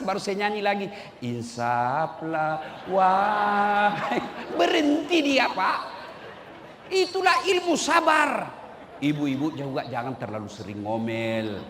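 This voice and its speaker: A man preaching a comic sermon, animated and joking and breaking into shouts. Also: fairly high pitch, in a large hall, noisy background.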